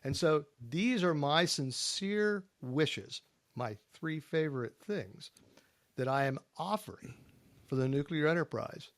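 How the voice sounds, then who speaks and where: Emphatic folksy man, fairly high voice. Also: expressive, unhurried, dry recording. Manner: emphatic, folksy, rhetorical questions. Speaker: podcast panelist. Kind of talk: casual panel discussion.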